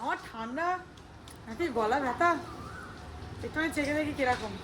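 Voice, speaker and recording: A woman's voice: sits high, moderate pace, a crowd in the background. A young woman and mother chatting casually to her viewers, laughing often as she shows her family. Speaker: vlogger and mother. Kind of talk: casual vlog narration to viewers. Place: home and a relative's house, indoors.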